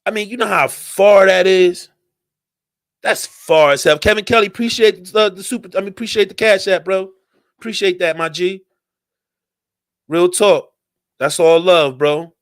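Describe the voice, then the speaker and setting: A man with a fairly high voice hosts his own talk radio show. He rants in a profane, animated way and keeps firing rhetorical questions at his listeners. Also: normal speed, pauses often. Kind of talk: solo ranting talk show.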